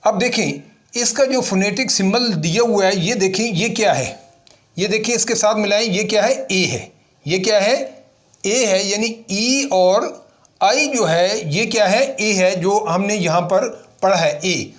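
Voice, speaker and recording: A man's voice: sits high, measured pace. A male teacher giving a classroom lecture, often asking a question and then answering it himself.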